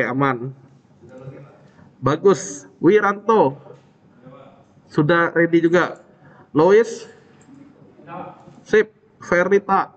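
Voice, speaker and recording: A male teacher taking the roll in a classroom, casual and teasing as he checks each student one by one. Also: on the high side. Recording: dull lo-fi classroom recording.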